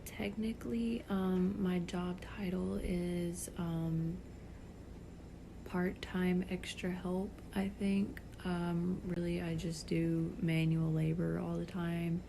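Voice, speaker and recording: A woman's voice: fairly low pitch, level tone, slow, gravelly, noisy background. A woman in her twenties, a student guest, whispering hesitantly. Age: 20s.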